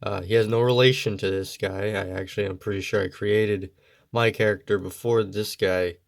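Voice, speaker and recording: A man with a slightly low voice that sounds stuffy and congested, as if his nose is blocked. He talks through a toy review in an easygoing, rambling way. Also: fairly even intonation, moderate pace, vocal fry. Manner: easygoing, meandering explanations.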